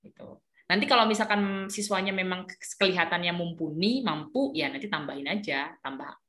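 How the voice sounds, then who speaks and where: Woman trainer with a lowish voice. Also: a little fast, fairly bright tone. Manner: chatty, explains with worked examples and frequent fillers. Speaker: teacher trainer. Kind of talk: casual instructional briefing.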